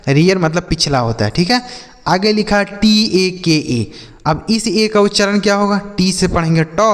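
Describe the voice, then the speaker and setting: A man teaches like he is in front of a class, calling his students kids and brother. His voice sits high for a man. The sound rings with a long reverb. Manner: explains step by step, repeats his own questions and answers them. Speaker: English teacher. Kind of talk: classroom-style phonics lesson.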